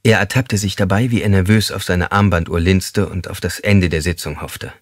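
A man reading an audiobook in scripted narration, expressive and measured. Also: low voice, no room sound, studio quality.

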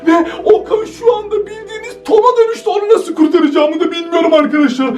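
Very high-voiced excitable young man. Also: fast talker, soft background music. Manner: excitable, shouting, breathless narrating. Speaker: co-host. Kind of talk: comedy skit commentary to viewers. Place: indoors at home.

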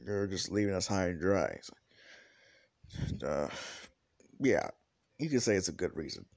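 A man's voice: sits low, lively intonation, moderate pace, gravelly, darkish tone. A man improvising a fan-fiction story aloud, rambling with many restarts and fillers.

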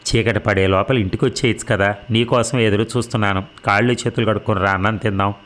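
A man reading the lines of a blunt, hot-tempered elder brother who works as a schoolteacher, in a low voice. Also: fairly even intonation, fast, a bit bright, close to an everyday voice. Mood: warm, brotherly. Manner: blunt, scolding.

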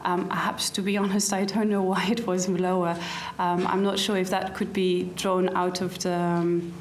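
A woman's voice: lowish voice, flat delivery, normal speed, a little hiss or hum. Hesitant woman panelist at a conference. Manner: hesitant, many fillers and restarts. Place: conference hall, seated at panel table. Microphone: table microphone.

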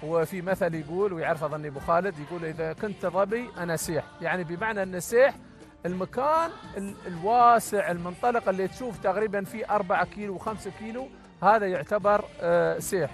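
Emirati male panelist, high voice, explains old place terms quickly with joking asides. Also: soft background music. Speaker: show panelist on heritage.

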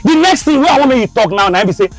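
A man with a Nigerian Pidgin English accent playing an angry man demanding his savings-group money, shouting threats and then softly apologising. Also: extremely high pitch, animated, brisk. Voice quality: loud and insistent, then pleading. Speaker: skit actor. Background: music.

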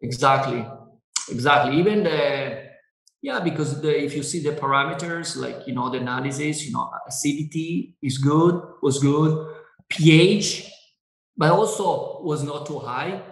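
A man, a winery owner whose first language is Italian, speaking on a video call in halting English with many fillers and restarts. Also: on the high side, vocal fry, reverberant, low-quality recording. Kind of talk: Zoom wine tasting interview.

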